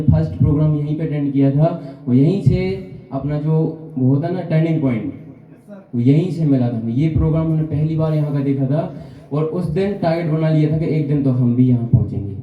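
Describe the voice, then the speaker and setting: A man's voice: a little high, a little fast. A man gives a motivational testimonial speech at a business seminar, telling his story with rhetorical questions and acted-out dialogue. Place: meeting hall at a business center. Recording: echoey hall, dull muffled sound.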